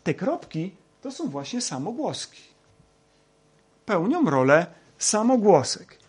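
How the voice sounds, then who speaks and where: Slow, hesitant male Bible teacher. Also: sits high, sing-song, a little mellow, breathy edge. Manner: slow, hesitant, many fillers. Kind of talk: lecture with slides.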